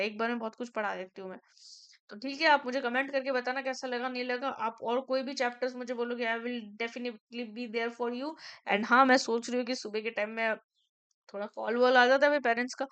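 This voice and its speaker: A young woman with an Indian accent teaches an online class in a rapid, drilling style, echoing key terms over and over. Her voice is smooth and crisp and sits a little high. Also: fairly bright tone, dull audio. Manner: fast-talking, repeats terms to drill them. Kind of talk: online lecture mixing Hindi and English.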